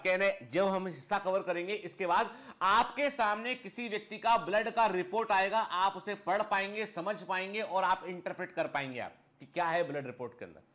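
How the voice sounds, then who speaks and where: This man's voice sits high with a sharp tone as he lectures biology students through a lapel mic. Explaining step by step and repeating the main points, he affectionately calls them children and keeps checking their understanding with quick tag questions.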